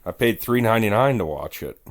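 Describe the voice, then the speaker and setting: Low-voiced man, lively and wry. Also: fairly quick. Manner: dry, wry, teasing. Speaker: podcast co-host. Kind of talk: casual chat.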